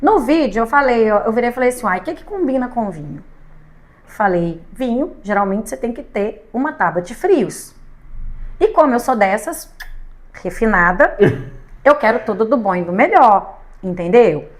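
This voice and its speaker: Lively Brazilian woman telling a story. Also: fairly high pitch, normal speed. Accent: Brazilian Portuguese. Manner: animated, laughing storyteller acting out dialogue. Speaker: podcast guest. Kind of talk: casual storytelling chat. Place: podcast studio.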